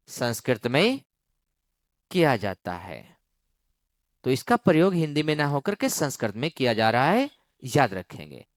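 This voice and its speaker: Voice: mid-range voice, no echo, clean studio sound. A teacher giving a grammar lesson for exam students, repeating key phrases, asking the class questions and stretching out words to show long vowels.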